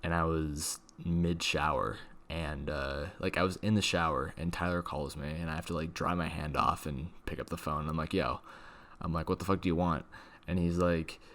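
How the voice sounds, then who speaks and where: With a very deep, slightly bright voice, a young man who makes videos recounts a personal story at normal speed with few pauses and fairly even intonation. It's casual and rambling, full of slang, swearing, and constant "like."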